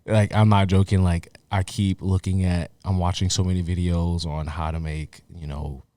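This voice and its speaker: A man co-hosting a casual podcast chat, excitable and rambling, laughing often. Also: sits low, normal speed, dry recording. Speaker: podcast co-host.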